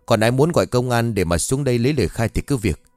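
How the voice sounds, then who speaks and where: A man playing a blunt, gruff older village man who is quick to dismiss things. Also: medium pitch, sing-song, darkish tone, dry recording, clean studio sound. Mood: dismissive.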